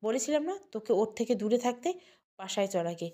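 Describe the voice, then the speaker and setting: A woman's voice: a little high, animated, fairly quick, warm tone. Bossy young man, curt and commanding, as a woman reads him. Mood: angry. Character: angry, controlling young man.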